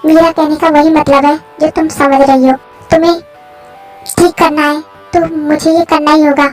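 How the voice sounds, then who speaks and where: A woman's voice: high-pitched, flat delivery, moderate pace, soft background music, natural voice. A woman voicing an anxious, protective young man in a fan story, talking in a pleading, fretful way. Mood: insistent.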